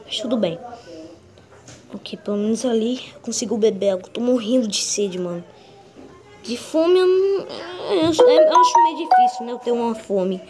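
A woman's voice: a little high, expressive, moderate pace, over loud music, close to an everyday voice. A woman playing a young male green dinosaur on the run in a game, talking to himself in a chatty, slangy way. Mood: relieved. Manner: chatty, slangy, talks to itself. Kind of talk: in-character game role-play.

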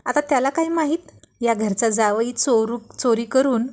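A woman's voice: a little high, normal speed, a little mellow, lightly acted. A woman playing a flustered, scolding young wife. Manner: scolding, panicky, pleading.

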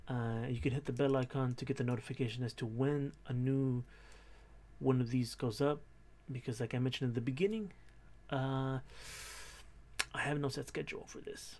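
A man in his thirties talking casually to camera in a quiet, low but clear voice, hesitantly thinking aloud as he goes. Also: fairly even intonation, moderate pace. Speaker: host of a reaction and discussion video. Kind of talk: casual unscripted commentary to camera. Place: small bedroom in an apartment.

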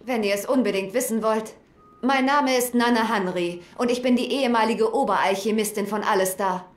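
A woman's voice: a little high, moderate pace, lightly acted. An actress voicing a worried, grave female gnome alchemist in a dubbed video game. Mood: proud. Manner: grave and fretful. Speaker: game character. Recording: echoey game audio.

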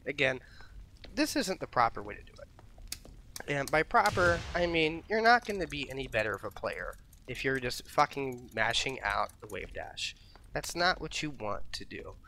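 A man's voice: mid-range voice, creaky, sharp tone, slight background noise. Laid-back, profane man explaining game inputs. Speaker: fighting game tutorial host. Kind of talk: casual gaming tutorial.

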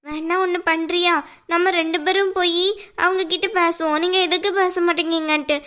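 A woman's voice: very high-pitched, little pitch movement, brisk, fairly bright tone. A woman voicing a cheeky young schoolboy in a cartoon who talks bluntly to his little sister. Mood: helpful. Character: cheeky young schoolboy, bossy older brother. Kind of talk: cartoon voice acting.

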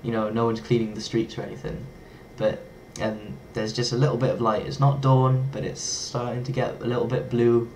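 This young adult Englishman has a mid-range voice and speaks at normal speed with few pauses. He's vlogging casually to his webcam in a small bedroom, playful and lively, toying with foreign words in his English accent. Slight background noise is audible.

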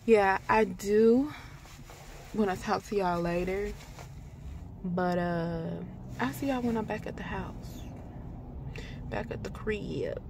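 A young woman with a Chicago accent, chatting casually to her phone camera from her car and repeating herself with quick laughs. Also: mid-range voice, noisy background. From Chicago, USA. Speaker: vlogger. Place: inside a car, then arriving home.

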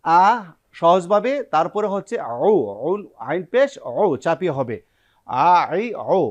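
Bangladeshi male TV teacher, somewhat high pitch, studio classroom, call-and-response drilling. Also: highs cut off. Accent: Bangladeshi Bengali. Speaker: Quran recitation teacher and host. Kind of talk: TV classroom lesson. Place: television studio with students.

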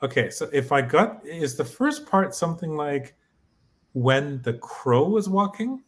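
A man's voice: a little high, lively intonation, measured pace. A man in a casual language lesson, taking the learner's part. He tries out new sentences with some hesitation and keeps checking with his teacher through questions.

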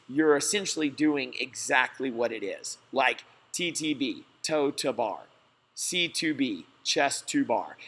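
A man coaches through a slideshow lesson, explaining things plainly and reassuringly. His voice has a husky, slightly breathy edge. His pitch sits in an ordinary middle range. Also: fairly bright tone. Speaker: gym coach.

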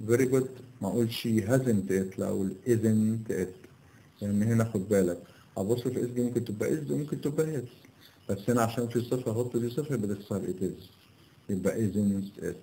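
Egyptian teacher with a low, mellow voice. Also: male voice, a little hiss or hum, low-quality recording. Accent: Egyptian Arabic. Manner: reads English sentences slowly, then explains in Arabic; asks the students questions and answers them himself. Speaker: English teacher. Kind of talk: exam review lesson.

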